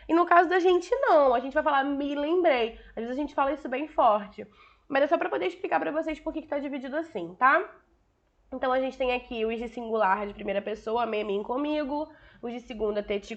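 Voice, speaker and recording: A Brazilian woman with a Brazilian Portuguese accent gives a grammar lesson in a high, bright-pitched voice. She walks her students through each point, checking in often with "né?" and calling them "galera". The recording sounds slightly dull and lo-fi. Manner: explains with frequent "né?" and "tá?" check-ins, addresses students as "galera".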